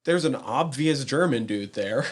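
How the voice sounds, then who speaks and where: A man's voice: medium pitch, animated, unhurried. A man co-hosting a podcast, chatting casually and easily with short agreeing replies. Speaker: podcast co-host. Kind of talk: casual review chat.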